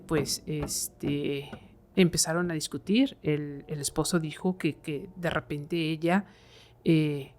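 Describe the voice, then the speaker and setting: A woman with a notably low voice recounts a chilling tale as a podcast guest. She talks casually, leaning on fillers like "eh" and "este" as she goes. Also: slight background noise. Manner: conversational, many fillers like "eh" and "este". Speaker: guest storyteller. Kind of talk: telling a horror story on a podcast.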